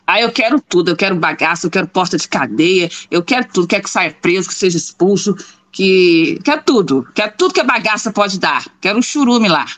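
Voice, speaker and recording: Woman, live show commentator, casual chat, emphatic, repeats phrases, mid-pitched voice. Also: animated, a little fast, fairly bright tone. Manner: emphatic, repeats herself for effect.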